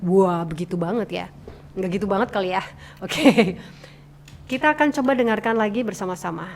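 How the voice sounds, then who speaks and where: A woman's voice: mid-range voice, normal speed, slight background noise. A woman teaching how to read news and narration aloud. She reads passages herself and repeats key words to show stress and intonation. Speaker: radio broadcasting instructor. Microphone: close desk microphone she adjusts.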